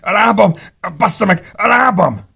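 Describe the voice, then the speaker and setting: A man voicing a wounded young male burglar, crying in pain, his voice a high strained wail. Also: expressive, vocal fry, bright, forceful tone, husky, exaggerated voice. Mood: agonized.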